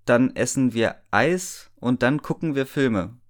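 A man voicing a young female friend in a read-aloud story, with a raised, quick and chatty delivery. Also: mid-range voice, lively intonation, natural voice.

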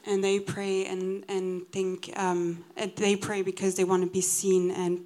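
A woman translating a preacher's sermon into English line by line, catching up after each phrase with small restarts. Her voice sits at a middle pitch and stays very level, with little rise and fall. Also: monotone, a little slow, warm tone. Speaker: interpreter.

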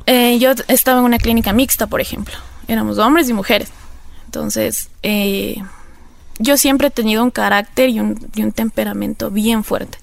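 A woman's voice: fairly high pitch, steady tone, moderate pace, vocal fry. A woman with an Ecuadorian accent, candidly telling her personal recovery story in an interview, rambling with many fillers. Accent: Ecuadorian Spanish. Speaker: interview guest.

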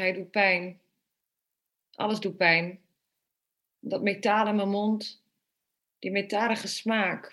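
A woman's voice: medium pitch, fairly bright tone. An actress playing a young female election observer, dazed and hurting after her arrest. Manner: dazed, reflective.

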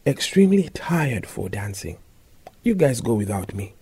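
A man voicing a defensive young woman nurse in an audiobook, raising his voice higher. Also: sing-song, normal speed, vocal fry, a little mellow, breathy edge, full character voice. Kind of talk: audiobook dialogue.

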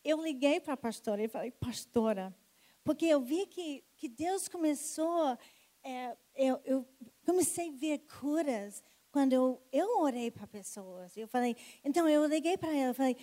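High-voiced woman preaching slowly. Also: expressive, dark tone. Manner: storytelling, calling people forward with rising energy. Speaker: preacher giving a testimony. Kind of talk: sermon testimony and altar call.

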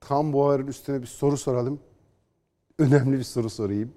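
A man speaking hosts his own commentary show. He is sarcastic and combative, swinging between mocking mimicry and flatter stretches where he reads the news aloud. His voice sits at an ordinary middle pitch. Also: fairly quick. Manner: sarcastic and combative, mocking opponents in put-on quotes. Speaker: political commentator. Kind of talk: opinionated solo commentary.

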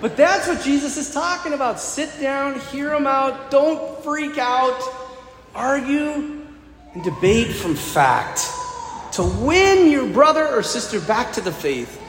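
A high-voiced priest preaching with lively, swooping delivery and a bit of humor. His voice rings through a large church with a long, echoey tail and faint room noise behind it. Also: takes it slowly. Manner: animated preaching with acted-out quotes and humor. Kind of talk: sermon.

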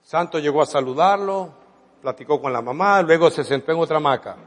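A man's voice: fairly high pitch, fairly quick. A male preacher dramatically retelling a story in a sermon, acting out the dialogue as he goes. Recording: long reverb of a hall.

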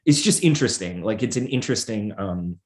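Lower-voiced man musing on air. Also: lively intonation, a little mellow. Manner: musing, halting, many fillers and restarts. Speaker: podcast co-host. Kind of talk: casual chat.

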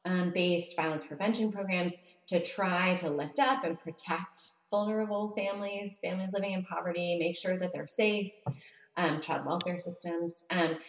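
A woman researcher answering interview questions in a thoughtful, measured, articulate way. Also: lowish voice. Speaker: guest researcher. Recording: roomy, echoey remote connection.

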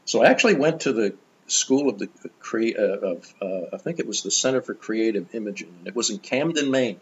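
An older man, a guest in an interview, telling stories in an animated, enthusiastic way. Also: lowish voice, brisk, muffled recording. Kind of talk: conversational storytelling.

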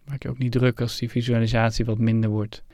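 A man with a noticeably creaky voice leads a guided meditation. His delivery is calm and unhurried, giving gentle instructions with pauses between phrases. The sound is dry and close, with very little room. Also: medium pitch, no echo. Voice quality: creaky, gravelly fry. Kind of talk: guided meditation, slow visualisation narration.

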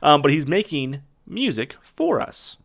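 A man's voice: on the high side, very animated, unhurried, gravelly, a bit bright. A man in his twenties hosting a podcast in casual chat, jokey, laughing often and trailing off with ums. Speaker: podcast host.

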